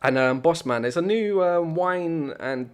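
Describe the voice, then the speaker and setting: A man's voice: on the high side, a little slow, clear, resonant tone. A young man co-hosting a podcast, rambling through stories in casual chat. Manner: rambling, animated storytelling. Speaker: podcast co-host.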